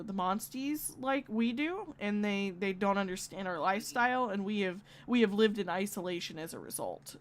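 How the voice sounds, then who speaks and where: A woman streaming a game and chatting casually as she plays. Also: mid-range voice. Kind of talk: casual gameplay chat.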